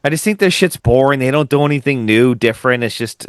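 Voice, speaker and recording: A man in a casual podcast chat who speaks bluntly and drops curse words freely. His voice is dry, close and free of room echo. His pitch is average for a man. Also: lively intonation, quick pace, clear, resonant tone. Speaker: podcast co-host.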